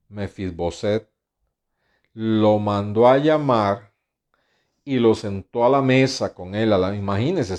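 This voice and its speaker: A man's voice: on the low side, darkish tone. A male pastor preaching a sermon who reads scripture aloud, comments between the verses and keeps asking his listeners "right?". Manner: tags questions with "¿verdad?" and addresses listeners as brothers.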